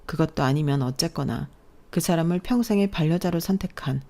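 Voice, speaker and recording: A woman narrating a scripted story in the first person, calm, with a cutting edge in her confrontation lines. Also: sits low, brisk.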